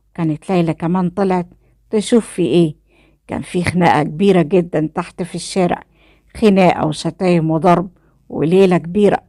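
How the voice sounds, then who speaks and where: A woman with an Egyptian accent reading a romantic story aloud in the first person, in a steady voice. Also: on the low side, no room sound, studio quality. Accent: Egyptian Arabic.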